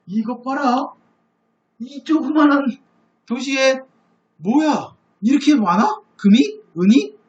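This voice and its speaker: A man's voice: very high voice, lively intonation, takes it slowly, far from the mic, voice pushed up, full character voice. A greedy king marvels in a lifted, incredulous voice, as a male lecturer puts him on. The recording is dull and lo-fi, with a roomy echo. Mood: amazed. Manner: incredulous, musing.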